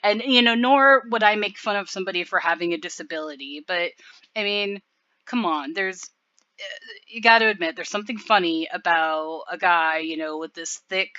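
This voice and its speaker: A woman's voice: fairly low pitch, moderate pace, sharp tone, clean tone, no echo, muffled recording. A woman talking casually in a video commentary, rambling with many fillers.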